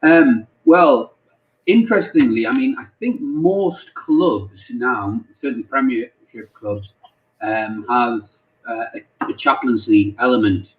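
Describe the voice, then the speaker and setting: A football club chaplain from North East England gives casual interview answers over a tinny, phone-like call. His medium-pitched voice is animated, and he speaks haltingly, often repeating words.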